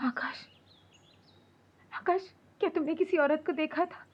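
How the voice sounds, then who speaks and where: An actress playing a frightened young wife, anxious and pleading, in a TV horror drama. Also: female voice, sits high, measured pace, muffled recording, a little hiss or hum.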